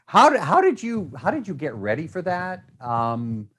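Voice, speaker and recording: A man interviewing in a chatty, effusive and energetic way, with choppy bursts of questions. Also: a little high. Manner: effusive, energetic, choppy fast-starting delivery. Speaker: entertainment interviewer.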